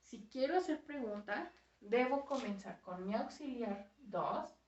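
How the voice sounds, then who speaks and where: A woman teaching an English grammar lesson, explaining step by step and often filling pauses with "ajá". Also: fairly high pitch, expressive. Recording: echoey room, dull lo-fi sound.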